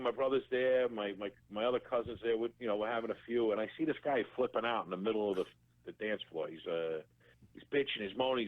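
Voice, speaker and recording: Profane man telling stories over a phone line. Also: fairly low pitch. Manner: profane, laughing storyteller acting out quotes. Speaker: interview guest. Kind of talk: casual storytelling on a radio show.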